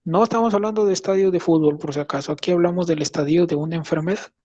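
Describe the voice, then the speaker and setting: Young guy teaching a class, husky voice, patient, keeps checking ppl follow. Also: a little high, fast talker, a little mellow, muffled recording. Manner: explains patiently, checks in with listeners often. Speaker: medical intern presenting. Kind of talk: conversational lecture.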